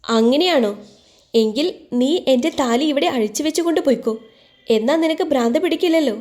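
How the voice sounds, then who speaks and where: A woman's voice: high voice, a little fast, darkish tone, close to an everyday voice. A woman voicing a stern young husband who speaks firmly and curtly. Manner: firm, curt.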